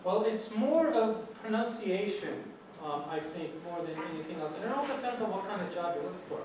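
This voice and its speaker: A man from the United States with a New York accent lectures students on English in a high, slightly mellow voice, animated and a little fast. He's reassuring but rambling, restarting often, and the noisy recording was made with a distant mic in an echoey hall.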